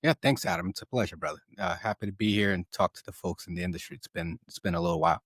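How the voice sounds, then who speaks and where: Deep-voiced Brazilian-born man, lively storyteller. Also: rapid-fire, no echo. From Southeast Brazil. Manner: energetic storyteller, repeats words, asks "right?" often. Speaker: guest. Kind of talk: casual interview talk.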